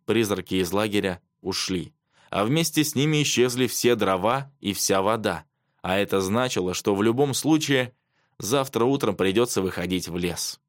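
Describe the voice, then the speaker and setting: A man reading a children's adventure story aloud as narrator, measured and even. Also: lowish voice, dry recording, clean studio sound. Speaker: audiobook narrator. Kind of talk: scripted narration.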